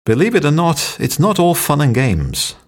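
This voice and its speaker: Reading short everyday phrases one at a time for learners, a man with a voice on the high side acts out each sentence's intonation with wildly swooping pitch. He speaks at normal speed.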